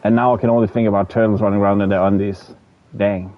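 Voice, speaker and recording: Speaking fast in a lowish voice with little pitch movement, this Danish native chats with viewers on a game livestream, and the audio has a phone-quality sound. The streamer's English carries a Danish accent; he trips over and repeats words hunting for the right term and curses when frustrated.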